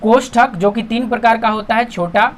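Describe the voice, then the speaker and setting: A man teaching a grammar lesson, patiently walking through on-screen examples, asking himself questions and answering them, and reading example sentences slowly with emphasis. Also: very high voice, slight background noise. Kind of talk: classroom-style lesson explaining on-screen examples.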